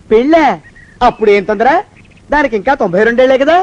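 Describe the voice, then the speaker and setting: Panicky flustered comic dude wailing, really high voice, muffled old movie sound. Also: male voice, lively intonation, a little fast. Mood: nervous, sarcastic. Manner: nervous, wailing, joking sarcastically in panic. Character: flustered, panicky comic man pestered by a strange woman. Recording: dull lo-fi film soundtrack.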